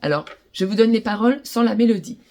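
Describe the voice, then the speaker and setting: Gentle French woman teaching ukulele to children. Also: on the high side, fast, a little hiss or hum. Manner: gentle, encouraging, addresses children directly. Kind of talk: children's music lesson.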